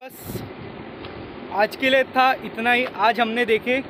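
Speaking slowly and steadily in a very high-pitched voice, a young adult man hosts a casual vlog from an open stone quarry, asking questions and commenting on location. He's curious and echoes explanations back to whoever is talking. A handheld phone at arm's length picks him up outdoors, along with clear machinery and vehicle noise.

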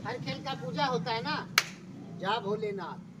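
A man performing as a street magician and snake showman, loudly coaxing the onlookers, giving orders and calling for claps. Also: very high-pitched, animated, a little slow, very noisy. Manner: loud, coaxing showman who keeps ordering the crowd to clap. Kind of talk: street show patter. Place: village street, outdoors. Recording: far from the mic, loud crowd around. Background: loud crowd of onlookers.

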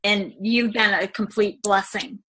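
A woman's voice: mid-range voice, fairly even intonation, a little slow, sharp tone, rough recording. A woman real estate agent giving a rambling, self-correcting testimonial interview, laughing easily. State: emotional, close to tears.

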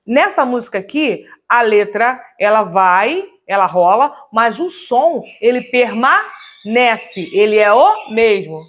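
A woman's voice: a little high, animated, takes it slowly. A woman giving an upbeat online singing lesson as a vocal coach, often checking in with her viewers.

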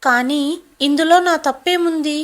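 A woman's voice: sits high, measured pace, voice pushed up. A woman voicing a meek eighteen-year-old girl who pleads tearfully in a storybook drama. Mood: pleading.

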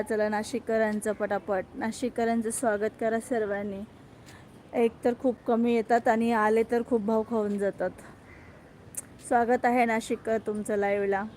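A woman's voice: on the high side, a little mellow, a little hiss or hum. A woman hosting a live stream in casual chat, greeting viewers by name and teasing them playfully. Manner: playful, jokes about herself.

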